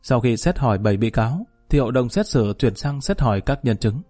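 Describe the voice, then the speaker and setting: A man's voice: medium pitch, expressive, a little fast, warm tone, faint music behind. A man narrating a first-person story in a colloquial, wry and mocking way.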